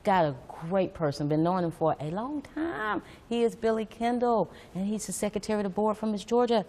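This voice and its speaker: A woman's voice: mid-range voice, animated, brisk, a little mellow. A woman hosting a casual interview in an informal, chatty, reactive way. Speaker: talk show host. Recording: reverberant hall sound.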